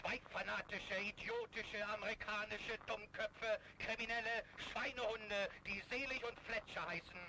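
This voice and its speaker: A man's voice: sits high, steady tone, moderate pace, hardly any pauses, background noise. A man announcing in an angry, ranting way on an old newsreel recording.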